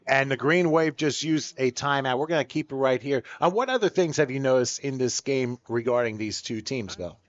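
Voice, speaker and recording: A man calling play-by-play for a football game, building excitement as the plays unfold. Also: mid-range voice, moderate pace, hardly any pauses, dull audio. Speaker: play-by-play announcer. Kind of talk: sports play-by-play commentary.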